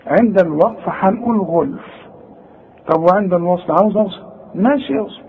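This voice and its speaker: A high-voiced man with an Egyptian accent teaches Quran recitation in a tajweed lesson. He sings out verses slowly, corrects wrong forms and then explains them briskly. A faint hum of room noise sits behind him. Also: phone-quality sound. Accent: Egyptian Arabic.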